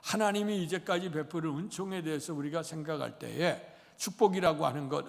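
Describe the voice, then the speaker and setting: Male pastor, 60s, fairly high and gravelly, folksy rambling sermon, church reverb. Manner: rambling, anecdotal, many fillers. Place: church sanctuary. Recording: long church hall reverb.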